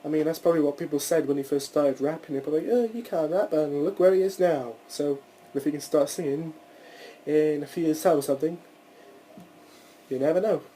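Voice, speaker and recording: A man's voice: fairly high pitch, steady tone, a little fast, dark tone, a little hiss or hum, low-quality recording. A young man hosting a casual solo podcast, rambling through his thoughts with frequent restarts and the odd swear word. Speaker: podcast host.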